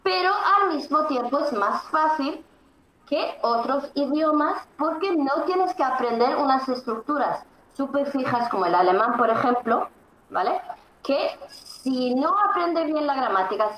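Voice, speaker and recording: A fairly high-pitched woman talks through her points with emphasis and keeps pausing on fillers. She sounds like she is in an echoey room with a faint hiss underneath. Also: fairly bright tone. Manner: explanatory, emphatic, with frequent fillers. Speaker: interview guest, Swedish teacher. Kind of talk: conversational explanation.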